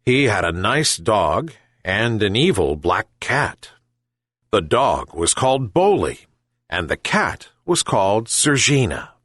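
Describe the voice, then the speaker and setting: A man's voice: slightly rough, no room sound, studio quality. A man reading a children's fable aloud as a narrator. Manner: slow, gentle, very lively pitch. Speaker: reader. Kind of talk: storybook narration.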